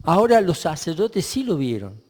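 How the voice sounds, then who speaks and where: A man preaching a Sunday sermon, reflective and unhurried, often pausing and restarting his sentences. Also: fairly high pitch, big pitch swings, a little mellow, long reverb tail. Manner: reflective, with many pauses and restarts.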